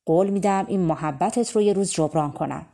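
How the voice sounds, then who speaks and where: A woman's voice: lowish voice, mellow. A woman voicing a pleading wild bird. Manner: pleading, earnest. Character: wild birds, pleading mother creatures.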